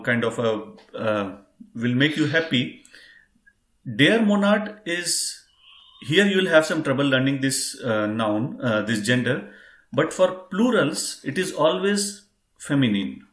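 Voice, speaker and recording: Medium in pitch with a fairly bright tone, a male German teacher leads an online class amid roomy echo. Patient throughout, he repeats himself, spells words out, and addresses the learners as "friends."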